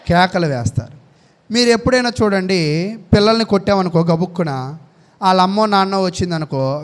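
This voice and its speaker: High-voiced man preaching a sermon. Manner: asks questions and answers them himself; reads out Bible verses.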